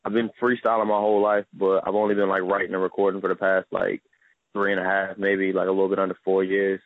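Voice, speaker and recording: Twenties rapper from Maryland, low flat voice over a tinny phone line, laid-back. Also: male voice, fast, dry recording. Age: 20s. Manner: laid-back and modest, leans on "like" and "I mean". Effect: heard over a phone line. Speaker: rapper, interview guest. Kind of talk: casual phone interview.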